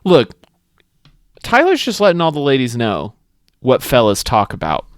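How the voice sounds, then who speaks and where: Podcast guy with deadpan one-liners, voice jumps all over, dry close sound. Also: medium pitch, normal speed, dry recording, soft background music. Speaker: podcast co-host. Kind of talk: casual chat.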